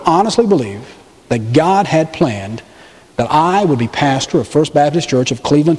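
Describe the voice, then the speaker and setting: A middle-aged man from the American South preaching a sermon as pastor, animated and acting out the voices he quotes. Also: big-room sound. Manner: animated, acts out quoted voices with pitch swings.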